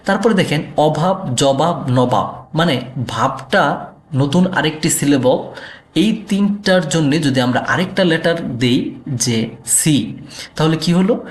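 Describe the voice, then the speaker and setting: A man's voice: a little high, animated, slow pace. Methodical man teaching in an echoey room. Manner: methodical, repeats steps, frequent fillers and self-corrections. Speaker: exam prep teacher. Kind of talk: explanatory lecture.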